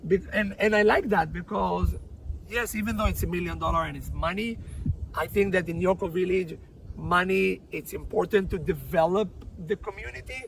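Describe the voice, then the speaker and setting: A man's voice: high voice, moderate pace, gravelly, slight background noise, poor audio. A man hosting a podcast interview outdoors, chatty and often repeating words as he searches for phrasing. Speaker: podcast host. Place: outdoors on a property.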